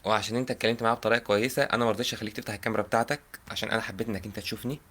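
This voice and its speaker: A man's voice: fairly low pitch, steady tone, rapid-fire, pushed and bright. A young man with an Egyptian accent giving earnest, informal advice on a live call. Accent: Egyptian Arabic. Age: young adult. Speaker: prank caller giving advice.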